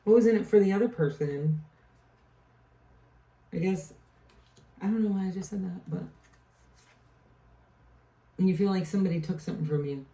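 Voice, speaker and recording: A woman with a low, mellow voice gives a casual tarot reading. She rambles, trails off and restarts mid-thought. She sounds set back from the mic in a roomy, echoey space. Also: normal speed, long pauses. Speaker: tarot reader. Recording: echoey room, distant mic.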